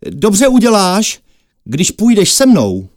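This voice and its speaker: A man's voice: mid-range voice, animated, dark tone, no echo, studio quality, voice pushed up, lightly acted. A man voicing a bold, very strong twelve-year-old boy in a fairy tale, speaking eagerly and raised. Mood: calling out.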